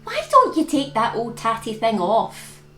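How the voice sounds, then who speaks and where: Hosting storytime for young children, a woman reads a picture book with expression, dramatically emphasizing key words. Her voice is a little high and sharp-toned, swooping wildly in pitch at an unhurried pace. Plucked guitar plays beneath a roomy echo.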